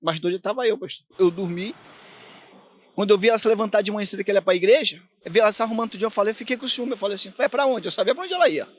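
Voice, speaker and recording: A man tells his story in an animated testimony, acting out the voices and turning again and again to the pastor. His voice sits high, and the sound is dry and close. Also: racing, dry recording. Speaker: interviewee giving a church testimony. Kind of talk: emotional personal testimony.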